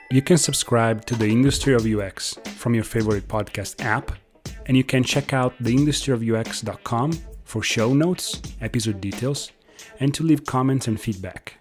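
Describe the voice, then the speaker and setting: A man hosting a podcast, reading a steady scripted intro. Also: medium pitch. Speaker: podcast host. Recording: music under the voice.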